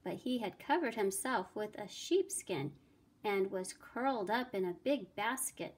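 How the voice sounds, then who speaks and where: A woman teacher reading a fairy tale aloud in a slow, deliberate, expressive way. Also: medium pitch, slightly rough. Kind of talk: storybook read-aloud.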